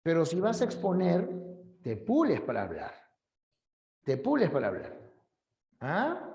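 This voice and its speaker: Slow, chatty male teacher. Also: sits high, huge pitch swings, darkish tone, reverberant, lo-fi sound. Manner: conversational, asks students for agreement, acts out examples. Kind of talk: classroom lecture for admission exam prep.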